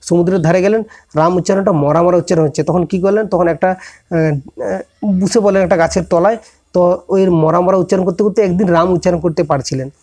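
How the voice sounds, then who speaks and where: A man with a fairly high voice gives a relaxed moral lesson to students. He talks to them directly and conversationally, often breaking off and restarting his sentences as he works through his point. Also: fairly quick. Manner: conversational, many restarts and self-corrections, addresses listeners directly. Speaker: online tutor giving a moral talk. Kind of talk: informal motivational lecture to students.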